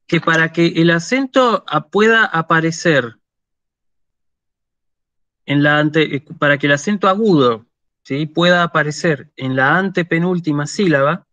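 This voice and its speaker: In a dull, dry, lo-fi recording with no room sound, a man with an Argentine Spanish accent teaches an online university class. He patiently checks in with students as he explains, his voice fairly high and fairly bright.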